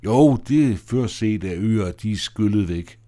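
A man's voice: lowish voice, lively intonation, warm tone, natural voice. A man voicing a gloomy know-it-all man who lectures ominously in an audio drama.

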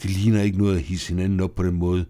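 A man voicing a stern man who takes charge and orders the others to calm down, in an audio drama. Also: sits low, lightly acted. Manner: stern, commanding.

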